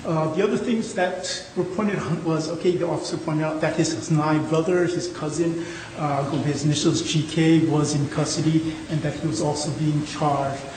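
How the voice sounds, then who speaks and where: A man speaking as a lawyer in oral argument, with halting, hedging, informal phrasing. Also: a little high, steady tone, darkish tone. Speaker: lawyer arguing an appeal. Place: indoor courtroom. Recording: echoey courtroom, faint noise.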